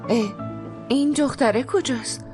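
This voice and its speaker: A woman's voice: high-pitched, over music, natural voice. A young woman dubbing a studious daughter in a TV drama, defensive and pleading with her mother. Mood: earnest. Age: young adult. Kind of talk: dubbed TV drama.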